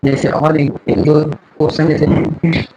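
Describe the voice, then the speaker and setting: A man's voice: a little high, level tone, noisy background. A man teaching an English grammar lesson, repeating words and letters and asking the class questions. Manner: slow, repeats words and letters aloud, asks questions to students.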